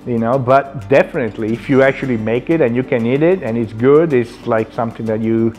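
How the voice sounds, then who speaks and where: A man's voice: medium pitch, fairly quick, darkish tone, faint music behind. Earnest male chef instructor in an interview. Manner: earnest, with frequent "uh" fillers. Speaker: culinary instructor. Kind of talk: documentary interview. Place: indoor lounge, seated.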